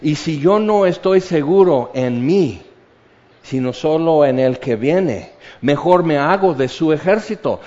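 A man preaching a sermon with passion, moving from loud emphatic lines to hushed intensity, full of repetition and rhetorical questions. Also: fairly high pitch. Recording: dull lo-fi sermon recording.

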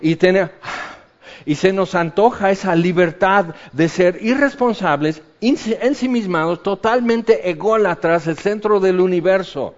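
American-accented man preaching with lively acted asides. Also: sits high, measured pace, dull audio. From United States. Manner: animated, acts out imagined voices and questions. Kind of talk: sermon.

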